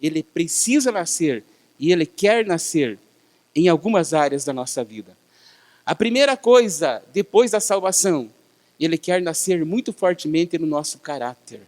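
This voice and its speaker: Brazilian pastor guy preaching, pretty high voice, long echo of a church hall. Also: animated, normal speed, a little mellow. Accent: Brazilian Portuguese. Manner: preaching with rising emphasis, rhetorical questions to the congregation. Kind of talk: sermon.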